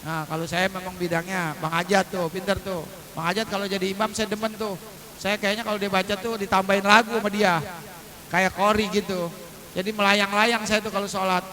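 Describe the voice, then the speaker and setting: High, bright-voiced joking preacher man. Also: level tone. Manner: demonstrates Quran pronunciation, chanting verses slowly; joking, colloquial asides to the congregation. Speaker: Islamic preacher. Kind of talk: humorous religious lesson.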